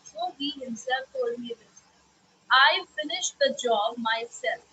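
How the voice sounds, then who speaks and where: A woman teaches a live online grammar class. Her voice sits high and sounds bright and ringing. She explains patiently, repeats each example and keeps asking whether it is clear. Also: lively intonation, slow, poor audio. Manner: explanatory, repeats and checks understanding with "okay?".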